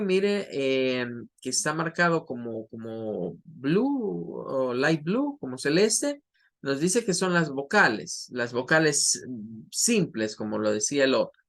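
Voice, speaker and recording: Slow-talking man teaching English pronunciation. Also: fairly high pitch. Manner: slow, patient explaining with repeated example words. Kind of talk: online lecture.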